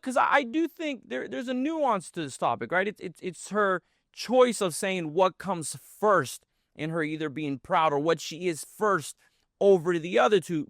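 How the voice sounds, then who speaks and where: Male political host, slightly high pitch, measured and hedging, dry close mic. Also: creaky, fairly bright tone, no echo. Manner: measured, hedging with fillers and restarts. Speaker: show host. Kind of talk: political talk show.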